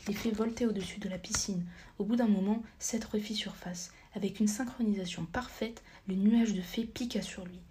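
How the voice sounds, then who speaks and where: A woman narrating a storybook audiobook, reading steadily and sometimes dropping to a soft, near-whispered tone. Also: mid-range voice, normal speed. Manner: steady reading, drops to a soft near-whisper at times, corrects small slips. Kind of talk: scripted narration.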